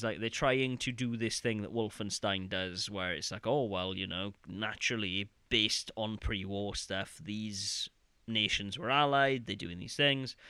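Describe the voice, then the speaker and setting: Young male podcast co-host, animated and rambling, crisp bright tone. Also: fairly low pitch, no echo. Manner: rambling, animated, quotes game lines in mock voices. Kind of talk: casual podcast chat.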